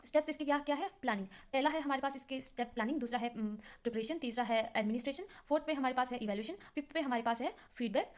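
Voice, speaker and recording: A young woman, a trainee teacher, explaining exam notes in a casual lesson, chatty and full of fillers. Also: high-pitched. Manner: chatty explaining with many fillers, reads English definitions slowly.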